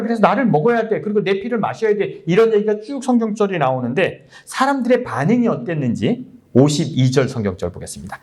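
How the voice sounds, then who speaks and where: A man's voice: a little high, a little mellow. A male pastor giving a conversational sermon, asking the congregation many rhetorical questions and acting out blunt crowd voices. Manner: acts out crowd voices in blunt, coarse speech. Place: church service.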